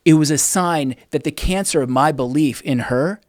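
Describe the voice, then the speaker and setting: Animated man telling a personal story. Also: on the high side, normal speed, dry recording, studio quality. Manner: animated storyteller acting out dialogue. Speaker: interview guest. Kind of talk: candid personal testimony.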